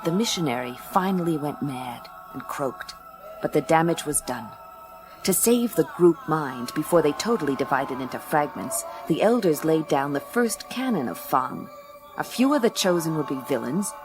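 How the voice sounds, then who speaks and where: An actress's low-pitched, animated voice carries a radio play at a moderate pace. She plays a blunt, slangy, wisecracking woman gumshoe in dry narration of her case, and music sits beneath her.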